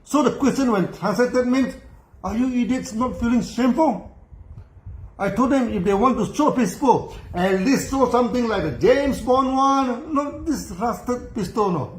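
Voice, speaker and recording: An older man with a Malaysian accent, telling the story of his company in a casual talk, dropping "no" and "you know" and chuckling as he goes. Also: high-pitched. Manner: tag questions, frequent "no" and "you know", chuckling while telling. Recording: roomy echo.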